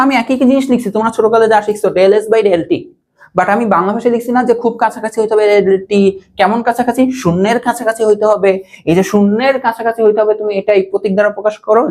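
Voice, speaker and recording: A man's voice: high-pitched, a little mellow. Young man, online math tutor; question-and-answer style, keeps checking that the class follows. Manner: repeats key points as questions and keeps checking that students follow; mixes English math terms into casual speech. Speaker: teacher. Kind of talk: online physics and math lesson.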